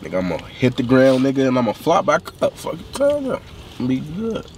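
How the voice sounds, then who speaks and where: A man's voice: medium pitch, wildly swooping pitch, fast, darkish tone, a little hiss or hum. A young man in a car rambling in slangy casual chat with friends on a road trip. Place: inside a car. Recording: distant phone mic in a car, music behind.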